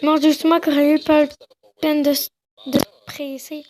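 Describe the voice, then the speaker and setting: A woman's voice: high-pitched, flat delivery, moderate pace, a little mellow. A young woman casually playing a game, reading its dialogue aloud with joking, crude asides and giggles. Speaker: gamer.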